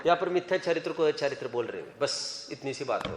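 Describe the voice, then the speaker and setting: A man's voice: a little high, expressive, fast, a little hiss or hum. A man teaching a scripture class, questioning students by name and urging them to raise their hands. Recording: echoey hall reverb.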